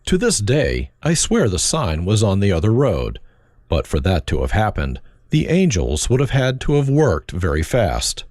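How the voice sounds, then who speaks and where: An older man with a German accent narrates his memoir with reflective, dry humor. His voice sits very low but moves with a lively, expressive pitch. The sound is close and dry, with no room around it. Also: moderate pace, no room sound. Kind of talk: autobiographical narration.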